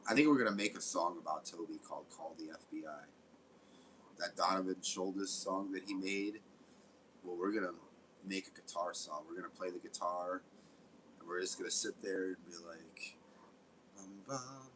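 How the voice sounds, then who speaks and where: A man's voice: low-pitched, fairly even intonation, normal speed, fairly bright tone, slight background noise, low-quality recording. A man giving casual, rambling gameplay commentary, swearing often. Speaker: game streamer.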